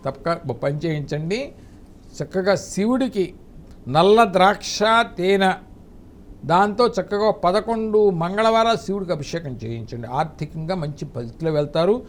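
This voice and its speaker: Middle-aged guy astrologer, pretty high voice, fatherly and chatty with callers. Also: normal speed. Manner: fatherly, calls callers dear, recites hymns. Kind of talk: call-in advice show.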